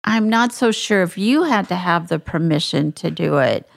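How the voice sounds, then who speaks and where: A woman hosting a podcast interview, speaking in short, slow remarks to her guest. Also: lowish voice, animated, creaky. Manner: short, slow affirmations and questions. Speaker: podcast host. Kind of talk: casual interview.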